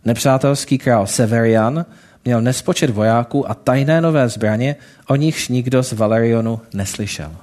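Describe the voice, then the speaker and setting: A man's voice: mid-range voice, a little mellow. A man telling a moral story in a sermon, breaking off now and then for casual asides to his listeners.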